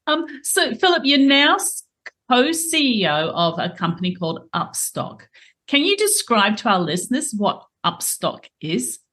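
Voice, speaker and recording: A woman's voice: on the high side, very animated, a little slow, a bit bright. A woman hosting a podcast interview, asking questions in a chatty way that halts on many fillers. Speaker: podcast host.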